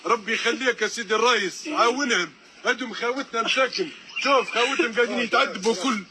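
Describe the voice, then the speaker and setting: A man's voice: very high voice, quick pace. An Algerian man making an impassioned street appeal, urgent, pleading and repeating himself as a spokesman for relatives. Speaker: spokesman for relatives of missing migrants. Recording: faint background noise.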